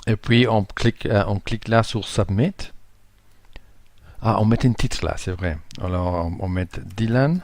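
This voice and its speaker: A man speaking French as a non-native with a foreign accent, giving an informal screen-share tutorial, halting and searching for words. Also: on the low side, a little mellow, no echo. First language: not French. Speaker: tutorial presenter.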